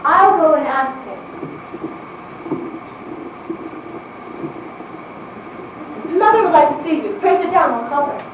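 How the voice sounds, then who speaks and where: A woman's voice: high-pitched, expressive, fast. A woman playing a modest, proper young woman in a period drama, earnest and politely firm. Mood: shy, flustered. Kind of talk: stage-style period drama acting. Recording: echoey distant muffled recording, faint noise.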